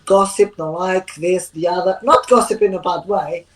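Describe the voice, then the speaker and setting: A woman's voice: lowish voice, fairly even intonation, moderate pace, poor audio. A woman co-hosting a live spiritual question-and-answer show, talking in an earnest, rambling way with loose, non-native grammar. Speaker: co-host.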